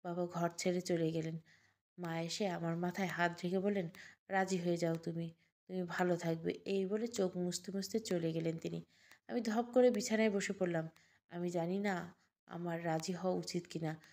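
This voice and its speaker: A woman narrating a first-person audio story in a calm, measured way. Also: on the low side.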